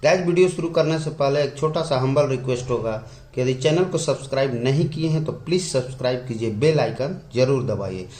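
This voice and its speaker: A man teaching English grammar in a lesson, repeating key words slowly and drawing them out. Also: mid-range voice, a little mellow. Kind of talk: explaining at a whiteboard. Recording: echoey room.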